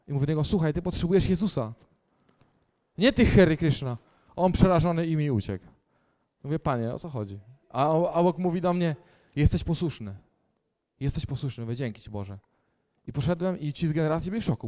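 Dark-voiced man preaching a testimony. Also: a little high. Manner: storytelling, emphatic, quiet asides. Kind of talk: sermon testimony.

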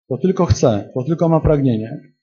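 A man preaching a charismatic sermon to a congregation in a church hall. He rises to loud, emphatic peaks and drops to quiet storytelling. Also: fairly high pitch, animated, moderate pace, lo-fi sound.

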